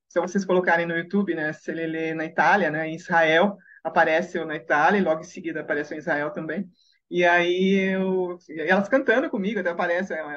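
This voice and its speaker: A middle-aged Brazilian woman, a singer, telling stories with lively bursts of excitement in a radio interview. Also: fairly low pitch. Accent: Brazilian Portuguese. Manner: lively storyteller, tag questions, bursts of excitement. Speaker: singer and guest. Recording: dull lo-fi radio recording.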